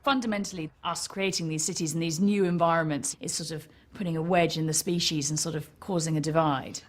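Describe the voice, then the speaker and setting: A woman with a lowish voice speaks as a documentary presenter. She explains in a conversational, unscripted way. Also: fairly even intonation, brisk.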